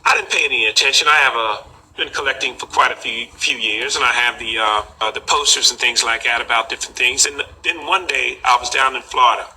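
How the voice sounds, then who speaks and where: An older man telling a personal story in an unhurried, halting way, with frequent pauses and fillers. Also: medium pitch, bright, forceful tone, a little hiss or hum, poor audio. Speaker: collector recounting a story.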